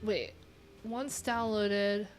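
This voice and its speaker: Reading docs on a casual livestream, a woman in her thirties with an American accent talks in a rambling, wry, informal manner. Her mid-range voice stays steady and extremely slow. She's indoors in a small, cluttered room, and music plays in the background.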